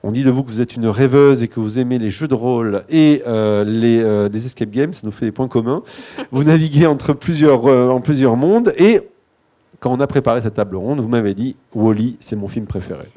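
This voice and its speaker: Hesitant male moderator with a mellow voice. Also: medium pitch, normal speed. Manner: hesitant, frequent restarts and self-corrections; light joking asides. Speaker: panel moderator. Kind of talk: introducing guests at a live panel discussion.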